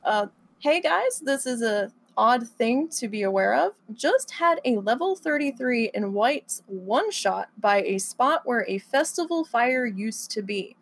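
A woman's voice: fairly high pitch, expressive, unhurried. A woman co-hosting a show in casual chat, with a tentative, self-qualifying way of talking. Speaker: co-host.

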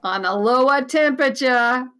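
A woman's voice: sits high, normal speed, fairly bright tone. A woman with a Boston accent in casual chat on a show panel.

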